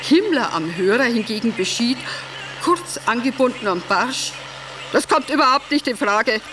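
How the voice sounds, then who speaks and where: An actress playing a vain, gushing, middle-aged wife who was once a stage actress, speaking in a theatrical radio drama with wide swings from cooing to brooding. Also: female voice, on the high side, animated, normal speed, background noise, natural voice. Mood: reminiscing. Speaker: radio drama monologue lead. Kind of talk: German radio drama acting.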